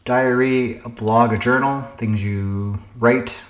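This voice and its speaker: A man's voice: mid-range voice, steady tone, slow pace, echoey room. A man hosting a puzzle game channel, casually thinking aloud through word puzzles, musing and hesitating as he guesses.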